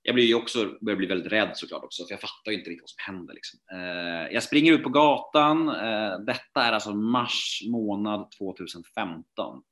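Low-voiced Swedish man telling his story. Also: few pauses, a bit bright. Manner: rambling, many fillers and restarts. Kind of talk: casual spoken storytelling.

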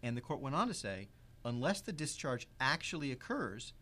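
Measured man explaining legal rules. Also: mid-range voice, sing-song, a bit bright. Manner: measured, precise, stresses key words. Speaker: legal expert guest.

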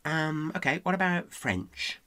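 A woman's voice: low voice, big pitch swings, measured pace, a bit bright, dry recording. A woman interviewing a guest in a comedy sketch, dry and sarcastic.

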